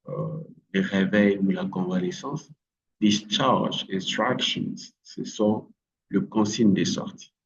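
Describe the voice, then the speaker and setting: A man giving a language lesson, slowly drilling words over and over, with frequent hesitations. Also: lowish voice, far from the mic, dull audio, background noise. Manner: slow, drilling words with repetition and many fillers. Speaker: English teacher.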